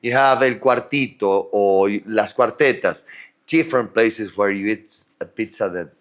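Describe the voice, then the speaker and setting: An Argentine man chatting in English with a clear Spanish accent. He talks with eager energy, tripping over his words and restarting sentences, and laughs easily as he goes. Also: fairly low pitch, unhurried. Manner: enthusiastic, stumbling restarts, laughs often. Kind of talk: casual chat.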